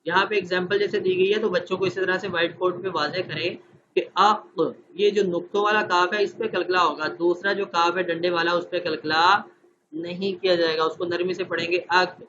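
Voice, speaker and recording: A man's voice: high voice, little pitch movement, pushed and bright. A man training teachers online, explaining step by step and often checking that his listeners understand. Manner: demonstrates letter sounds and recites verses slowly. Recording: dull lo-fi online class audio with faint noise.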